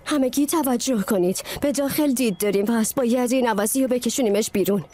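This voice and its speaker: A woman's voice: on the high side, mellow, close to an everyday voice. A woman dubbing film dialogue as a commanding female police team leader who speaks firmly. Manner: firm, commanding. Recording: music score underneath.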